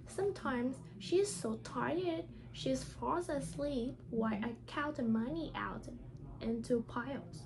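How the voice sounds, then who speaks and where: A woman reads a children's storybook aloud like a teacher, in careful, halting non-native English. Her voice is high-pitched, and the background is noisy.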